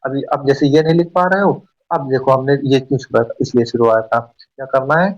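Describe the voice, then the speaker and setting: Guy rushing through an exam prep lesson, keeps asking then answering himself, kinda far from the mic, dull sound. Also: medium pitch. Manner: fast, chatty, often asks and answers own questions. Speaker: exam coaching teacher. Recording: dull, slightly distant mic.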